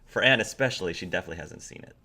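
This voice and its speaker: Low-voiced man running a tabletop game. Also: expressive, racing, vocal fry, a loud crowd. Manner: casual, conversational. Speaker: game master.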